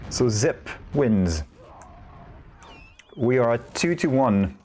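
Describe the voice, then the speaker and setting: A man's voice: mid-range voice, expressive, takes it slowly, dark tone. A man giving casual solo commentary on a competitive video game match, rambling with self-deprecating asides.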